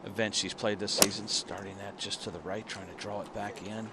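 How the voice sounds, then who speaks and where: A male golf commentator calls the play shot by shot in a fairly low voice. Noticeable outdoor ambient noise runs behind him. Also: steady tone, brisk. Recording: noisy outdoor background.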